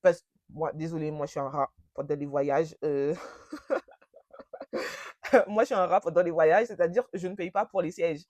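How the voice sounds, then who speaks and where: A young woman telling a personal story in a casual, animated way, with slangy and emphatic speech. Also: low-pitched, moderate pace, long pauses, dry recording.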